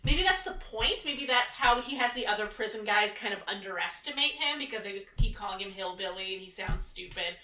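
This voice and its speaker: A woman's voice: mid-range voice, lively intonation, a little fast, hardly any pauses, bright, forceful tone. Woman co-host, roomy and distant. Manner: wry, questioning, many "like" fillers. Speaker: podcast co-host. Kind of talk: casual film-review chat.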